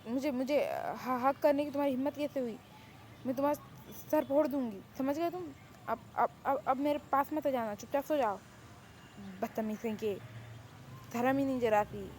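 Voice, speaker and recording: A woman's voice: high voice, normal speed, darkish tone, slight background noise, natural voice. A woman playing a dramatic young woman held in a palace, stammering and indignant. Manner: stammering, indignant, self-pitying. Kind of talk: Hindi fan-fiction audio story.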